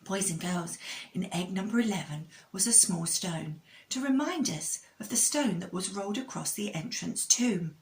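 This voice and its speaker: Casting: woman as kids show host, mid-pitched voice, expressive children's religious storytelling, speaks directly to young listeners. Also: normal speed.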